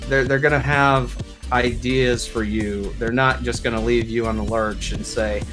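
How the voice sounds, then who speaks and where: A man appearing as a guest on a casual video interview, giving earnest advice in a relaxed way. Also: medium pitch, normal speed, music in the background. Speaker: guest streamer.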